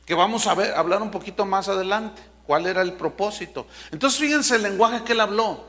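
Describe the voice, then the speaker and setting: A male pastor preaching a sermon with emphatic delivery, slowing down to stress key words. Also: high-pitched, fairly bright tone, long reverb tail.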